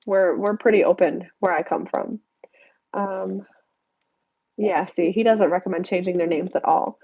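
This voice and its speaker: A woman's voice: fairly low pitch, fairly even intonation, a little slow, husky, no echo, narrow, tinny audio. A young American woman answering viewer questions on a casual live stream, congested and nasal from allergies, chatty and candid as she reads out comments. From United States. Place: home desk.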